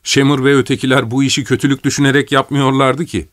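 A man reads a story aloud as an audiobook narrator. His delivery is steady and measured, with a mid-pitched voice. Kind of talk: audiobook reading.

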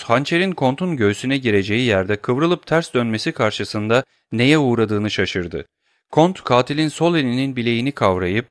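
A man's voice: medium pitch, no room sound, clean studio sound. Man narrating an audiobook.

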